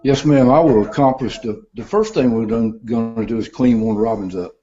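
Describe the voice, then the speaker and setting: A man's voice: mid-range voice, brisk, warm tone, highs cut off. An older man, a mayoral candidate on a video call, answering a forum question with plainspoken, repeated pledges.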